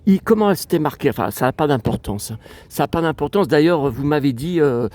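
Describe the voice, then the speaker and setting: This cemetery vlog features a man whose fairly high, darkish voice comes across brisk and expressive on a dry recording. Stuffed up and sniffling from a cold, he wanders through aggrieved, off-topic chatter.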